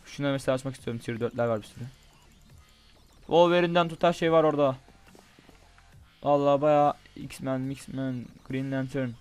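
A young man doing casual, excitable gameplay commentary, chatting straight to his viewers. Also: fairly high pitch. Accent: Turkish. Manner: chatty, excitable, talks to viewers as "guys" and "bro". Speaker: gaming YouTuber. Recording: faint game music behind.

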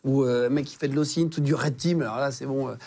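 Fast, excitable husky male host. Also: medium pitch. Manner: excitable, quick and chatty, stammering restarts. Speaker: interview host. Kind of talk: casual interview. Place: indoor studio office.

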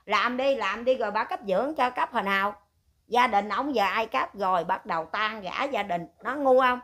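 An older woman, ranting at length in a rough, scolding way and firing rhetorical questions. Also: a little high, moderate pace, pushed and bright. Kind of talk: heated casual rant.

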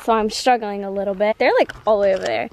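A woman's voice: mid-range voice, steady tone, fast talker, gravelly, slight background noise. A young woman vlogging casually outdoors on a handheld camera, chatty, laughing often and a bit out of breath from walking. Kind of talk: casual vlog narration. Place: outdoors on a rural hillside and dirt road.

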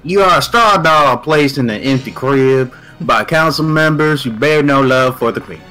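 A man's voice: medium pitch, moderate pace, bright, forceful tone, soft background music, natural voice, low-quality recording. A man voicing a scheming young man who taunts a princess in a casual fan voice-over of a game scene, stumbling over words and laughing through lines. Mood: mocking.

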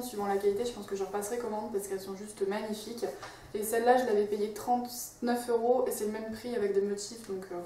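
Her voice is warm and on the high side as the young beauty vlogger casually runs through her wishlist on camera, with plenty of fillers and restarts. Filmed across a home office and living room, the recording is echoey, with the mic a bit far off and a faint hiss underneath.

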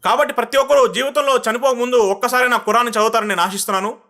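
Male preacher, high voice, bright tone, slow verse recitation, numbered points. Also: steady tone. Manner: lists numbered points, then recaps them quickly. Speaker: Islamic preacher. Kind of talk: religious talk.

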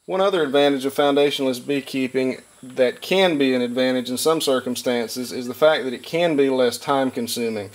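Man, thirties, relaxed instructional talk, mid-pitched, filler-heavy, workshop. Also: moderate pace. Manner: relaxed, plain-spoken, frequent "uh" fillers. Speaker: beekeeper and channel host. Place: wood-paneled workshop, indoors.

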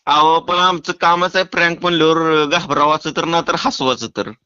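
A man's voice: fairly high pitch, steady tone, normal speed, bright, forceful tone, clear, resonant tone. A man making a prank phone call, urgent and insistent at first, then apologetic and teasing. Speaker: prank caller.

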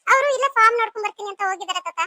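Woman voicing a bright, high cartoon daughter-in-law, chatty and polite. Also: rapid-fire, no echo, clean studio sound, heavily acted. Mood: cheerful. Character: cheerful young daughter-in-law, clever. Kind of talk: cartoon voice acting.

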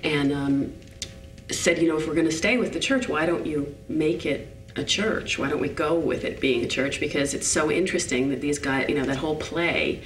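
On a large indoor studio set, a set designer in her forties describes her work in a low voice, slowly and thoughtfully, often stopping to search for the right word. The mic is distant, so she sounds set back, and the space adds a roomy echo to this behind-the-scenes interview.

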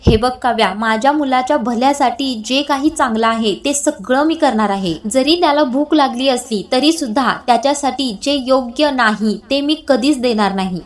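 A woman voicing a stern middle-aged mother who scolds a young woman loudly and sharply. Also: sits high, moderate pace, few pauses, close to an everyday voice. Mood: scolding.

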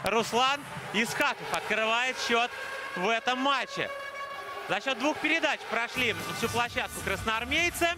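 A man commentates live hockey play by play. His voice sits very high, with loud music behind it. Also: lively intonation, measured pace.

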